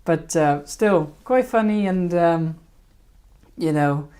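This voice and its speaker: A woman's voice: fairly low pitch, takes it slowly, dark tone. A woman hosting a fishkeeping live stream, rambling casually and hesitantly over her old videos. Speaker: fishkeeping channel host.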